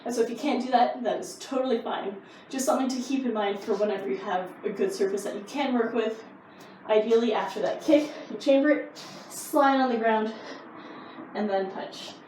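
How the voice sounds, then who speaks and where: A woman teaches karate techniques in a relaxed, informal manner, her voice on the high side with a darkish tone at a normal pace. Distant miking leaves a roomy echo and a little faint noise.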